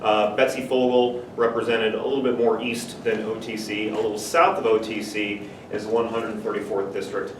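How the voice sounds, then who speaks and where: A man's voice: on the low side, level tone, normal speed. A man speaking informally as a teacher who introduces and questions a guest speaker. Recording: roomy echo, distant mic, clear background noise.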